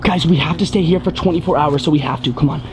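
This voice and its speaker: A man's voice: on the high side, fast talker, over a noisy crowd. A teenage boy hosting a casual vlog, talking nervously and urgently in short repeated phrases to his friends and viewers. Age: teens. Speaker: vlogger host leading an overnight challenge. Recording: loud music behind. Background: loud background music.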